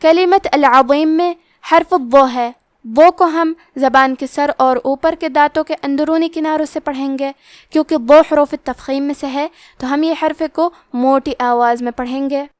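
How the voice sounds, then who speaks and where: A woman teaching tajweed, explaining pronunciation rules step by step and slowly reciting the words as examples. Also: high voice, fairly even intonation, no echo, clean studio sound. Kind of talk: tajweed lesson with slow recitation.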